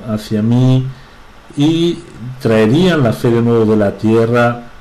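A man giving a religious talk in a halting way, with frequent restarts and filler sounds. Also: mid-range voice, a little mellow, rough recording. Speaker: religious speaker.

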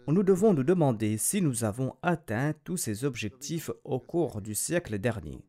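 A man reads a sermon in translation, measured and earnest. He asks rhetorical questions one after another. His pitch sits in the middle range for a man. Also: darkish tone. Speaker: sermon interpreter. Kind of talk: translated sermon, read aloud.

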